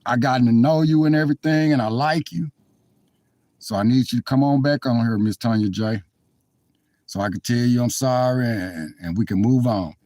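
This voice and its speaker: In casual live-stream chat from his chilly car, a man rambles earnestly and apologizes to his audience. He has a mellow, mid-range voice at normal speed, picked up dry on his phone.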